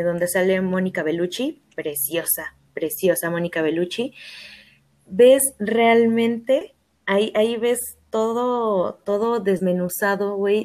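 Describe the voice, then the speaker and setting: A woman with a Mexican Spanish accent hosting a podcast, casual and slangy as she recommends films. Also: medium pitch. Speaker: podcast host. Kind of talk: casual chat.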